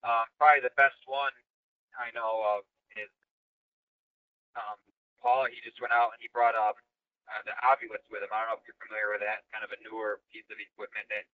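A man calling in by phone, talking hesitantly with many fillers; his voice sounds thin and tinny with no bass. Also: level tone, a little fast, long pauses.

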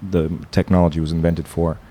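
A man hosts a comedy podcast in a low, mellow voice. He rambles, restarts his sentences, and keeps the talk loose. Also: flat delivery, fairly quick. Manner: rambling, full of restarts and fillers. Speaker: podcast host. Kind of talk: casual podcast chat.

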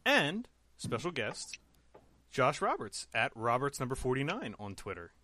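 A man's voice: medium pitch, wildly swooping pitch, a little slow, sharp tone, slight background noise. A man hosting a casual esports podcast, talking loosely and correcting himself as he goes. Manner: loose, rambling, self-correcting. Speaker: podcast host.

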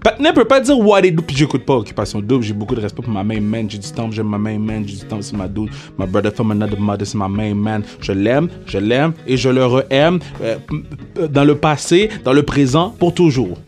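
A man's voice: on the low side, fairly quick, darkish tone, faint music behind. A young man with a Quebec French accent hosting a casual podcast, hyped and playful, dropping English slang into his French. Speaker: podcast host.

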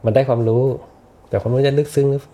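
A middle-aged man talking as a podcast guest in a reflective, unhurried way, often restarting and repeating words. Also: mid-range voice, level tone, mellow. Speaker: podcast guest, architect and teacher. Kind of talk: casual podcast conversation.

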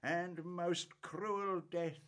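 A man's voice: sits high, fairly even intonation, extremely slow, fairly bright tone, heavily acted. A man playing a fussy carpenter who directs a clumsy amateur play, coaxing his players in a patient but flustered way. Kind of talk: stage comedy acting.

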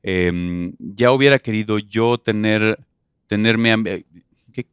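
A man with a Mexican accent speaks in a low, smooth and resonant voice. He talks in an earnest, heartfelt way in a relaxed chat. The sound is dry and close. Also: takes it slowly, no echo. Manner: warm, earnest storytelling. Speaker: guest, stepfather. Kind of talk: casual chat.

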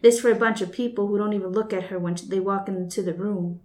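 A woman's voice: medium pitch, fairly even intonation, fast talker, darkish tone. A woman reads her own first-person fiction aloud, wry and blunt in a conversational way. Her voice sits in a middle register. It carries the echo of a roomy space. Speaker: fiction writer reading her story. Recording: echoey room.

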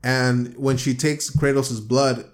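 A man with a mid-range voice co-hosting a loose game-review podcast. He speaks in a laid-back, unhurried way, swears casually, and stops now and then to find his words while retelling scenes. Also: medium pitch, steady tone. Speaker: podcast co-host.

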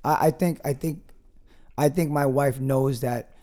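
Dark-voiced young man, rambling and earnest. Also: medium pitch, fairly even intonation, unhurried. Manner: rambling, filler-heavy, earnest. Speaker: podcast guest. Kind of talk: casual conversation.

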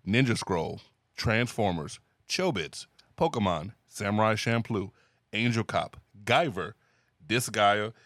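A man with a lowish voice hosts a podcast in relaxed, talkative chat, quick to laugh. His voice is recorded close and dry, with no room sound. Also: no room sound. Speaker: podcast host.

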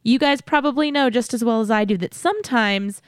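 A woman's voice: fairly high pitch, a little fast, dry recording, clean studio sound. A woman hosting a podcast, giving listeners a chatty update in a cheery, enthusiastic way. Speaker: podcast host. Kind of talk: upbeat podcast announcement, chatty.

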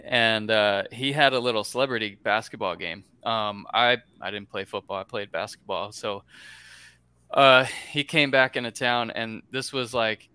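A man's voice: lowish voice, fairly even intonation, moderate pace, bright, forceful tone, smooth, no echo. A man from central Florida with an American accent, talking sports casually and enthusiastically as a panelist. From central Florida, USA.

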